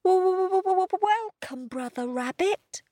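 A tiny, excitable little watchdog with a very high, squeaky, breathless voice. She rushes and repeats herself in a springy, animated sing-song. The storybook sound is close and dry. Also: no echo, heavily acted. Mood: stammering. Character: small excitable young female watchdog.

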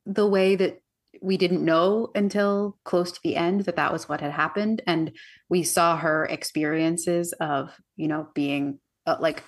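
A woman's voice: lowish voice, fairly even intonation, a little slow. A woman co-hosting a podcast, with a playful, giggly and slightly hesitant way of talking. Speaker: podcast co-host. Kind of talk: casual chat.

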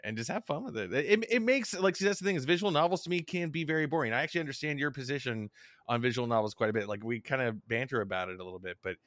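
A man's voice: mid-range voice, animated, rapid-fire, a bit bright, no echo, clean studio sound. A man co-hosting a podcast, rambling in a casual, self-deprecating way with many restarts. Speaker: podcast co-host.

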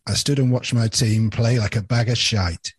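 A man's voice: mid-range voice, steady tone, normal speed, slightly rough, dry recording. A man co-hosting a casual podcast, reading out song lyrics for a quiz in a jokey way. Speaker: podcast co-host running a quiz. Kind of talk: casual chat.

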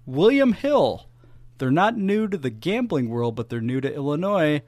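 A man's voice: on the high side, sing-song, normal speed, a little mellow, no room sound. Man hosting a podcast with dry jokes. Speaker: podcast host. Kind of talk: casual podcast banter.

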